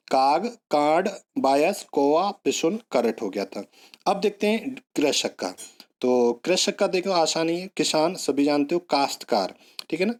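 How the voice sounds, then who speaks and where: A man's voice: fairly high pitch, a little mellow. A male teacher giving an online exam-prep lesson, repeating words and coaxing students along with memory tricks.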